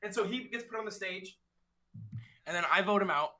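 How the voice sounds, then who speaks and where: Bright-voiced young man telling a story. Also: sits high, brisk. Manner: animated, slangy, acts out what others said. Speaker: streamer guest. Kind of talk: casual storytelling in a conversation.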